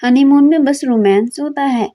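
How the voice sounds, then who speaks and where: A doting young husband in a romance audiobook, joking and coaxing his wife, read by a female narrator. The voice is mellow and close to a plain reading. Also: sits high, pitched above the performer's own voice, natural voice. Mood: teasing. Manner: teasing, coaxing.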